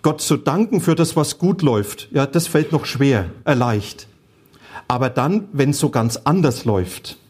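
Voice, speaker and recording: A man's voice: medium pitch, animated, a little slow, darkish tone, slightly rough. A middle-aged man, preaching a sermon as a pastor and telling stories earnestly. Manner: earnest storytelling, quotes people in changed voices.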